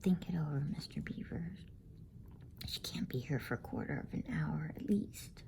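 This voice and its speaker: A motherly beaver housewife from a storybook, done by a woman. She is coolly practical and fussy, whispering softly with a creaky edge. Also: sits low, normal speed. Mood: unhurried. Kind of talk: whispered bedtime storybook reading.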